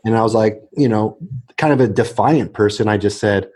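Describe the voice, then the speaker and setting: A middle-aged man, a real estate agent, talking casually as an interview guest, animated and full of quick restarts. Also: on the low side. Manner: animated storyteller, many restarts and "right?" tags.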